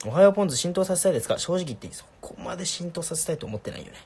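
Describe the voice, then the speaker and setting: A young man casually answering viewer questions on a livestream, laid-back and soft-spoken. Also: high voice, animated, very fast, breathy edge.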